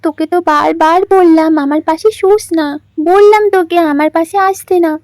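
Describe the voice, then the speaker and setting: Sick village mum fretting and sighing, woman voicing, high pitched doll story. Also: moderate pace, a little mellow, no echo. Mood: worried. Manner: fretful, sighing complaints. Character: sick, worried village mother.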